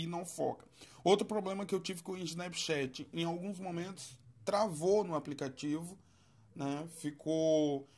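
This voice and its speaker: A man casually reviewing a smartphone for his vlog, talking in a chatty, halting way with frequent tag questions. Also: a little high. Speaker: tech reviewer.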